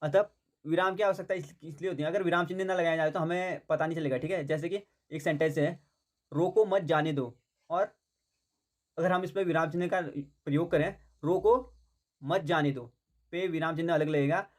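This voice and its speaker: Hindi grammar teacher, man, higher-pitched voice. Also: fairly even intonation, brisk. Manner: repeats points, asks and answers own questions, fills with "theek hai"; mixes English words into Hindi. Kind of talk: exam-prep grammar lesson.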